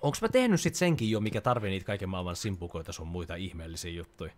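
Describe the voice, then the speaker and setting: A man's voice: deep voice, expressive, a little hiss or hum. A young man giving casual let's-play commentary, chatty and joking as he reads game lines aloud. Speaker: gaming YouTuber.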